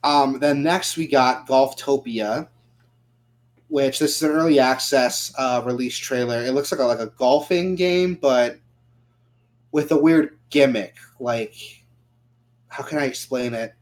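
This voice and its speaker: A podcast co-host with a medium-pitched voice speaks a little slowly as he chats casually about gaming news. He talks through game trailers loosely, swearing and using plenty of fillers.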